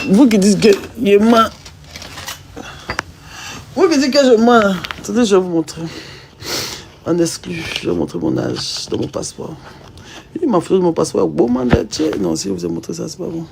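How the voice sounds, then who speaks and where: This thirtysomething woman from Ivory Coast has a medium-pitched, gravelly voice and an Ivorian French accent. Animated at a normal pace with long pauses, she chats casually and teasingly on a live stream, throwing rhetorical questions at viewers over a noisy background.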